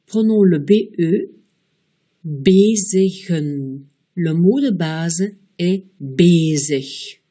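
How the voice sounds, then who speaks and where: A woman teaching a pronunciation lesson, explaining rules step by step and slowing down to model each example word. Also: on the low side, animated, warm tone. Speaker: language teacher. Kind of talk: slow, careful pronunciation lesson.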